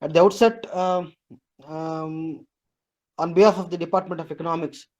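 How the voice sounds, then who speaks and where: A man, a professor giving a formal, halting vote of thanks over a video call. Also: on the high side, fairly even intonation, darkish tone, low-quality recording. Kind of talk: formal webinar speech.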